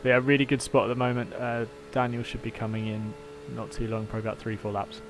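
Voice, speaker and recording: A British man hosts a casual racing livestream, switching between matey banter and race updates. His voice sits at a middling pitch, with a faint hum and vehicle noise behind it. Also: monotone, fast talker. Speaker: livestream host and sim racing team engineer.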